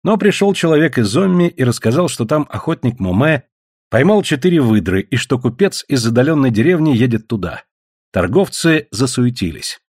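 A man narrating an audiobook in an expressive storytelling manner. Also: medium pitch, normal speed, husky, no room sound, clean studio sound. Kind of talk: scripted narration.

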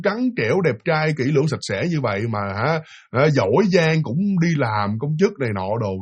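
A man's voice: mid-range voice, husky. A man with a Southern Vietnamese accent telling a ghost story casually, talking straight to his listeners. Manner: chatty, addresses listeners directly.

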